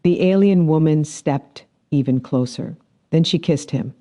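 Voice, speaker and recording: A man narrating a science fiction story in a measured, dramatic storytelling manner. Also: a little high, warm tone. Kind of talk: scripted narration.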